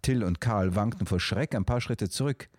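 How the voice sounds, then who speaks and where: A man narrating a storybook in a calm, measured way. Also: lowish voice, breathy edge, dry recording, studio quality.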